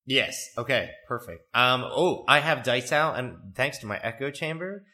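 A man's voice: medium pitch, lively intonation, bright, forceful tone. A man co-hosting a tabletop podcast with joking, profane banter, his voice echoing as if in a cave from a bare, newly moved-into room. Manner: joking, profane, quick to laugh. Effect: hollow cave-like echo from a bare new room. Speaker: podcast co-host running a character-building game. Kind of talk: casual banter while rolling dice. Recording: echoey bare room, no setup.

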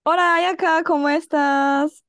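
A woman's voice: high voice, slow, no room sound, clean studio sound, soft background music. A woman co-hosting a travel podcast, chatting casually and telling stories with lots of giggles. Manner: giggly, animated storytelling. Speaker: podcast co-host. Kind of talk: casual chat.

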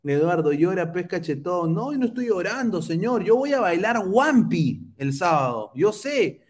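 A man hosts a football podcast, chatting casually and poking fun at rival fans. His voice sits a little high for a man. He reads out viewer comments with an easy, mocking edge. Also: big pitch swings, normal speed. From Peru. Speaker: podcast host.

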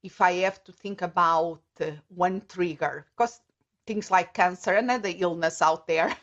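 Middle-aged Portuguese-accented woman, a native Portuguese speaker, as an interview guest; thoughtful, a bit low in pitch, dull lo-fi recording. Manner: thoughtful, measured, searching for words. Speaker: guest, coach. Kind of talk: casual interview.

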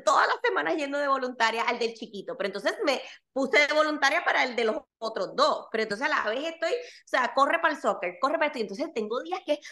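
A woman in her forties chatting as an interview guest, her voice bright and a little high. She talks fast and lively and slips into quoted voices as she tells her stories. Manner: animated, rapid, acts out quoted voices. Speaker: guest, content creator. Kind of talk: casual interview chat.

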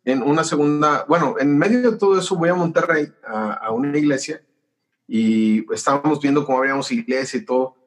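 Mexican man telling an animated story. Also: on the high side, fairly quick. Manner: animated, acts out conversations while telling a story. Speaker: pastor and musician. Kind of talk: casual storytelling interview.

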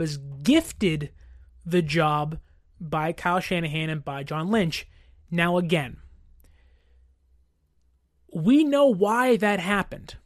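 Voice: mid-range voice, no room sound. Conversational football commentator in a dry, close recording. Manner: conversational, rhetorical check-ins, voices imagined fan remarks. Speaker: sports commentator. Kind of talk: casual football commentary monologue.

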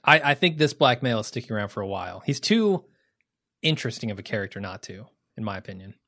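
A man's voice: lowish voice, big pitch swings, fast, pushed and bright, no room sound, studio quality. A man co-hosting a podcast, reading out listener emails in easygoing casual chat and moving the talk along.

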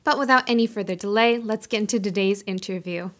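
A woman's voice: medium pitch, fairly bright tone. A woman hosting a podcast, reading a scripted intro and carefully sounding out Japanese phrases syllable by syllable. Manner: careful, slow syllable-by-syllable pronunciation of Japanese words. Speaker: podcast host.

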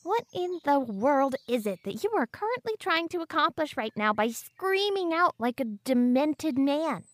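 A woman's voice: sits high, sing-song, normal speed, few pauses, no room sound. A woman playing a smug, menacing teenage girl. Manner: overly formal, wordy, smug and condescending. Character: pompous, coldly menacing 14-year-old girl hunter. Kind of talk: audio drama acting.

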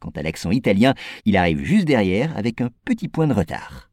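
A man from France reads a scripted news piece to his viewers, explaining it clearly. His voice is mellow and darker in colour, with a very animated pitch. The sound is dry and close. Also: a little fast, dry recording. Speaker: presenter.

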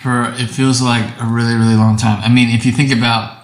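A man's voice: mid-range voice, flat delivery, a little fast. A man chatting casually and upbeat as a podcast co-host, his voice echoing around a big empty room. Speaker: wedding and portrait photographer. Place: empty home office.

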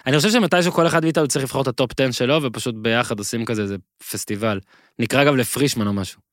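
A man co-hosting a podcast in casual chat, rambling and gushing with excited repeats. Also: medium pitch, no room sound, clean studio sound. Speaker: podcast co-host.

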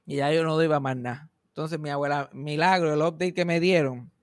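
A man's voice: a little high, a little fast, dry recording, clean studio sound. A man with a Puerto Rican accent telling funny family stories in casual chat, swearing freely. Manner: animated storyteller, swears casually, laughs often.

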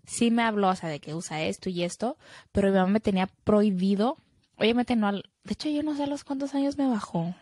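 A woman's voice: mid-range voice, fast talker, darkish tone, no echo, clean studio sound. Chatty young woman co-hosting a podcast. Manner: chatty, mixes in English phrases. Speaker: podcast co-host. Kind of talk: casual chat.

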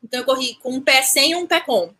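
A woman, recounting a personal story as an interview guest, animated, restarting phrases and acting out what people said. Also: high-pitched, quick pace. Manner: animated, restarts phrases, acts out quoted speech.

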